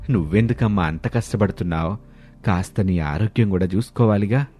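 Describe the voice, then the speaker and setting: A man voicing a gentle older father-in-law who speaks low and soothingly in a storybook tale. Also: fairly quick, slightly rough, soft background music. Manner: low, soft-spoken and soothing.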